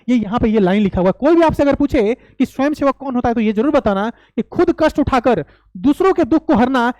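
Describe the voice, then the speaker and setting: Young male coaching teacher lecturing, high voice, dry close sound, emphatic and repetitive with rhetorical questions. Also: darkish tone, no room sound. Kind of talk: classroom-style lecture.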